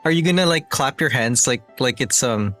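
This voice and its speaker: Young guy chatting over a game playthrough, average pitch, kinda halting, soft music behind. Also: expressive. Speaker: game streamer. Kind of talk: casual playthrough commentary.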